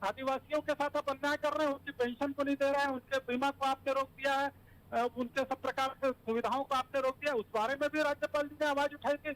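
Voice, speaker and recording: A man speaking as a political party spokesman in a TV news interview, earnest and argumentative, pausing with fillers and restarts. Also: extremely high pitch, level tone, fairly bright tone, low-quality recording.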